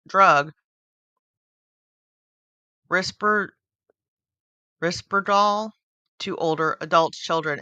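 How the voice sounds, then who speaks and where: Woman host reading to her group, trips on words, wry asides; bright, smooth tone. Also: sits low, no room sound. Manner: stumbles over words, dry sarcastic asides. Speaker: book club host. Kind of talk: reading a book aloud with casual commentary.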